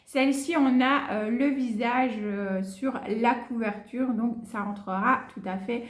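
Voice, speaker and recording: A woman's voice: fairly high pitch, a little slow, roomy sound. A woman talking casually about her reading plans from home, chatty, with lots of fillers and restarts. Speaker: book vlogger. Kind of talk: casual chat.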